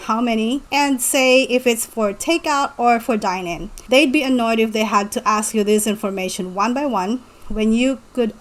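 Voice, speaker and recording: A young woman from the Philippines talks through a numbered list of tips, steady and instructive. Her voice sits a little high, and she sounds as if she is reading from a script. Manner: measured, instructive, list-like delivery. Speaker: vlogger, former exchange teacher.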